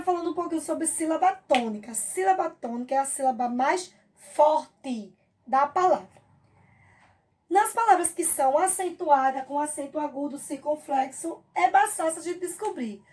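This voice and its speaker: A Brazilian woman teaching a children's review lesson in a high but mellow voice. She talks patiently and draws out each example word. She keeps checking in with her young listeners. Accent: Brazilian Portuguese. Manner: patient, drawn-out examples, frequent check-ins with the class.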